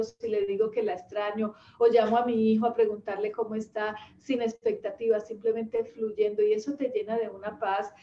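Woman, fifties, reflective personal talk, hesitant, mellow, roomy and muffled sound. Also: fairly high pitch, slight background noise. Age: 50s. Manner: unhurried, reflective, with many hesitations. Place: rural home with animals nearby.

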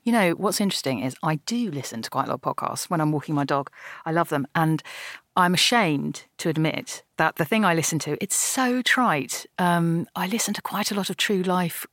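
A woman, an audiobook narrator, chatting as a guest and telling stories with lively laughter. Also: fairly low pitch, brisk, no room sound, clean studio sound. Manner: expressive storyteller, animated with laughs. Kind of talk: conversational interview.

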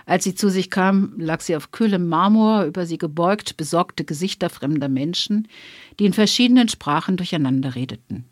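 A woman author reading her own crime novel aloud with lively, expressive narration. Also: fairly low pitch, normal speed, no room sound, studio quality. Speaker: author and guest.

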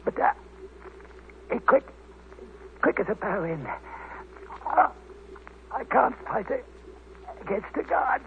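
An actor playing a bitter dying man, weak and gasping, in halting broken English, in old-time radio drama style. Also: high voice, lively intonation. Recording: noisy, tinny old radio recording.

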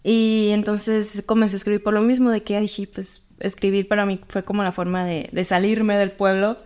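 A woman's voice: mid-range voice, level tone, moderate pace, darkish tone, smooth. A young woman from Sinaloa, a writer chatting as a podcast guest, candid and self-mocking. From Sinaloa, Mexico. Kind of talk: casual chat.

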